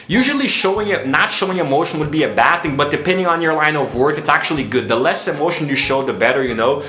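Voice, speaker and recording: Filming himself for a casual opinion vlog, this man from Brazil sounds worn out and drained, yet stays chatty and keeps dropping "you know." His pitch runs fairly high with lively intonation and a fast pace, and the tone is bright and forceful. The camera mic captures a roomy sound.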